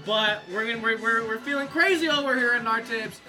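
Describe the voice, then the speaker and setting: Excitable high-voiced man hosting a cooking stream. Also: a little fast, over music. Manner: loose, excitable, swears freely, reads viewer chat aloud. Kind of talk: casual live-stream chat while cooking.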